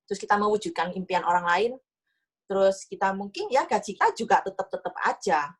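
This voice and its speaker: A woman's voice: medium pitch, animated, brisk, breathy edge. A young woman, an insurance agent, chatting casually and motivationally to colleagues, mixing in English words and laughing often. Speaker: insurance agent sharing her experience.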